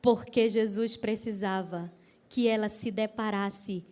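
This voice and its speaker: A woman from Brazil preaching a sermon at a church service, telling the story in a lively way, asking the congregation questions and acting out the voices she quotes. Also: mid-range voice, unhurried.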